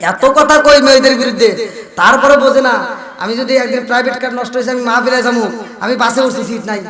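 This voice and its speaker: A man's voice: extremely high pitch, sharp tone. A man preaching a waz sermon at a large gathering, telling stories and calling out to the crowd for replies, sometimes breaking into sung verses. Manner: chatty storytelling, calls out to the crowd for replies. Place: large religious gathering, amplified. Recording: echoey hall, voice from far off.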